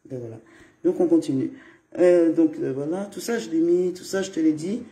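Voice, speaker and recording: A woman's voice: sits low, moderate pace, warm tone. Chatty woman streaming in an echoey room. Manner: chatty, swears casually, greets viewers. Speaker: livestream host. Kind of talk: casual livestream commentary. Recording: roomy echo.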